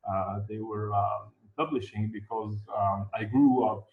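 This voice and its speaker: A man from Algeria, an activist guest speaking in a live online interview, halting with many fillers and repeated words. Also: fairly low pitch, fairly even intonation. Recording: echoey, dull lo-fi remote audio.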